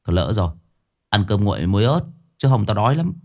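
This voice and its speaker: A man's voice: lowish voice, big pitch swings, fast, a little mellow. A man voicing a hungry village boy who grumbles matter-of-factly in a spoken story. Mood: resigned.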